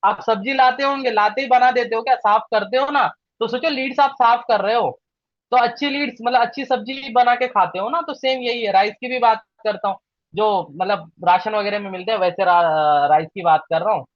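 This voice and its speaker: A man leads a live training session, speaking directly and checking in often with his listeners. His voice sits high for a man. The sound is dry and slightly dull. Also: moderate pace, no room sound. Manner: direct, coaching, repeats "ठीक है?". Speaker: digital marketing trainer.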